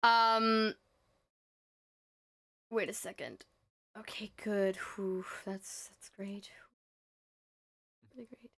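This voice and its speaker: A woman streamer chatting casually, rambling and stuttering nervously through an animated rant. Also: medium pitch, very slow, long pauses.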